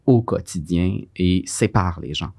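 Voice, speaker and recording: Deep-voiced Quebec French man. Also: unhurried, vocal fry, warm tone, no echo. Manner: rambling storytelling with many fillers. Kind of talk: casual conversation.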